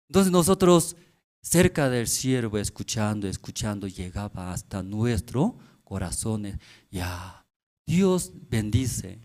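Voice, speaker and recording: A male pastor preaching a sermon in Spanish. He tells stories with feeling, drops to soft tones, then rises to loud, emphatic bursts, and keeps asking his listeners short tag questions. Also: fairly low pitch.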